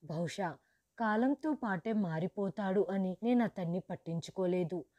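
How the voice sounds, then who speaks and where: A woman narrating a storybook in the first person as a grieving, widowed mother who lost her wealth, in a steady, measured reading. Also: mid-range voice, no echo, lightly acted. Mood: sorrowful.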